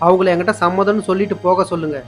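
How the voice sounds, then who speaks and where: A woman's voice: on the low side, steady tone, very fast, close to an everyday voice. A man retelling a stubborn, angry young mother. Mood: insistent scolding. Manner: insistent, scolding. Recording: dull lo-fi with faint music.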